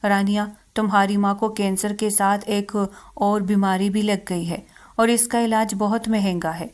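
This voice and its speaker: A woman voicing a calm male doctor in a storybook reading, speaking gently and matter-of-factly. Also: mid-range voice, close to an everyday voice. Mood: grave. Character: calm male doctor delivering bad news.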